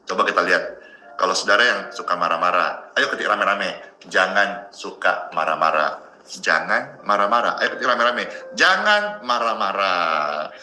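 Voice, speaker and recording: A man's voice: on the low side, bright, forceful tone, roomy sound, rough recording. A male pastor preaching a sermon to viewers in a chatty, joking way.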